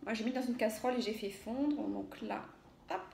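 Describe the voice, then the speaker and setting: A woman's voice: on the high side, brisk, creaky, darkish tone, echoey room, a little hiss or hum. A woman walking through a recipe in a casual cooking tutorial at home, chatty and hesitant, with many fillers and self-corrections. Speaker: home cook demonstrating a recipe.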